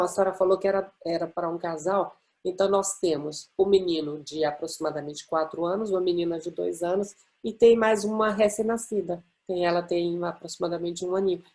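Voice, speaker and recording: A middle-aged woman from Brazil giving a personal testimony, telling her story in an animated way and acting out the quoted dialogue. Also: lowish voice. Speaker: guest speaker.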